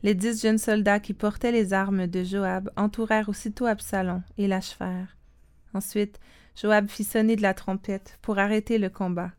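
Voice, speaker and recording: A woman giving a calm, steady scripted reading of a Bible story, voicing the quoted lines in the same plain tone. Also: medium pitch, moderate pace, clean tone.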